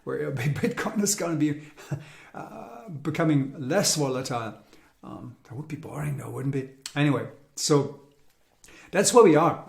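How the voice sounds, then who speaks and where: A man's voice: a little high, vocal fry, reverberant. A man giving a casual market update, rambling with repeated words and fillers, sounding weary. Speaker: crypto market commentator.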